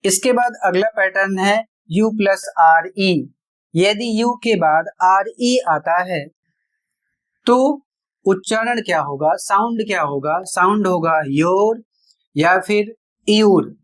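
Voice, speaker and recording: At a slow pace and in a mid-range voice, a teacher delivers a classroom-style pronunciation lesson. Words are spelled out letter by letter, and each rule is explained step by step with rhetorical questions.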